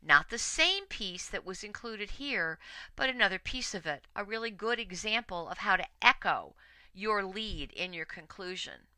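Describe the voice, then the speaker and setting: A woman's voice: medium pitch, lively intonation, normal speed, bright, forceful tone, no echo, poor audio. A woman teaching writing in a recorded lecture, talking in a conversational way with fillers and self-corrections.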